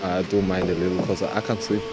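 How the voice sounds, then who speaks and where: Low-voiced south african guy in his 20s, matter of fact, music playing. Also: level tone, brisk. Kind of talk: casual interview.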